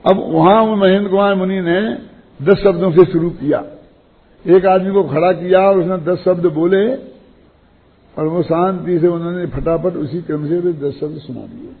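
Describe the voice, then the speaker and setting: A man's voice: high-pitched, breathy edge. A man giving a sermon to a gathering, often questioning his listeners and telling anecdotes. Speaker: religious teacher. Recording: tinny lo-fi recording.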